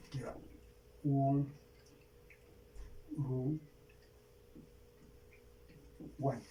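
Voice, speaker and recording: A Colombian man teaching a grammar lesson, slowly repeating key words for students to write down. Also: medium pitch, dark tone. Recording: distant mic, faint background hiss.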